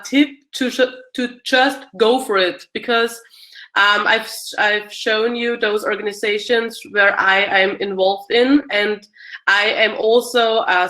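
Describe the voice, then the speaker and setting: Slow, bright-voiced Austrian woman. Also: a little high. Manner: hesitant, many fillers and restarts. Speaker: speaker answering audience questions. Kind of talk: casual Q&A talk. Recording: echoey room.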